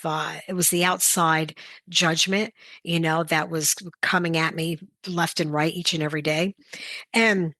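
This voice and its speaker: On her motivational podcast, this sports coach speaks in a lowish, fairly bright voice with no room sound in the recording. Plain-spoken and direct, she chats about her own experiences.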